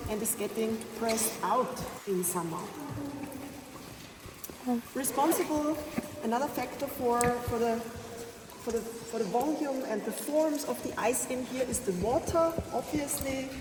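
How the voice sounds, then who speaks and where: High-voiced woman guide in echoing cave. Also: unhurried. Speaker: tour guide. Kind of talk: explanatory guided-tour talk. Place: inside a large ice cave. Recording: echoey cave, distant mic, noisy.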